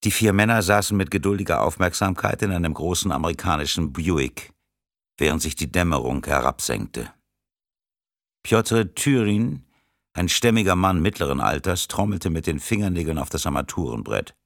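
A man reading a thriller audiobook in a steady, measured narration. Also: deep voice, vocal fry, dry recording, clean studio sound.

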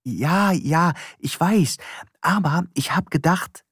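A man's voice: on the high side, lively intonation, slow, fairly bright tone, slightly rough, dry recording, studio quality, pitched above the performer's own voice, heavily acted. Man doing Johann, a bumbling hesitant guy. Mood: sheepish. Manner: hesitant, trailing off. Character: bumbling, meek middle-aged man, talks himself into trouble.

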